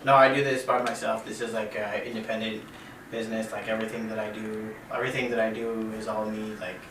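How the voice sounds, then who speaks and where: A man, a chef and caterer from Canada, talking casually in an interview, relaxed, with many fillers and repeated phrases. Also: lowish voice, fast talker. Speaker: interview guest. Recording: roomy, distant from mic, faint noise.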